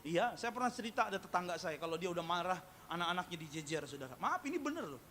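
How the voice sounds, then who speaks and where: A man's voice: high voice, very animated, fast, sharp tone, slight background noise. A male pastor preaching a sermon. He tells humorous stories, keeps addressing the congregation, and calls for amens. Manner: calls for amen and audience responses. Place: church service, also streamed live.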